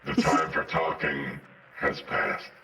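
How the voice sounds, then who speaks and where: A man voicing a cocky male robot warrior in a deep, creaky robot voice that swears and taunts enemies. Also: fairly even intonation, slow pace, bright, forceful tone, roomy sound, distant mic, faint music behind, heavily acted. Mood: grim.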